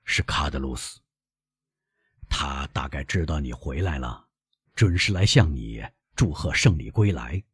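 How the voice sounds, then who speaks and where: A man playing a frail old father, soft and low, husky, weak, dry close sound. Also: lively intonation, a little slow, no room sound, exaggerated voice. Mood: gentle. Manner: weak, soft-spoken, sometimes whispered. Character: frail, gentle old father, poor and self-denying. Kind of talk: audiobook reading.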